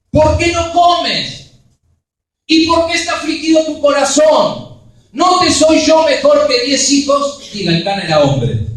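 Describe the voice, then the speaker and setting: A man preaching a sermon, animated and full of rhetorical questions. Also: high voice. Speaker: pastor. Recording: echoey hall, far from the mic.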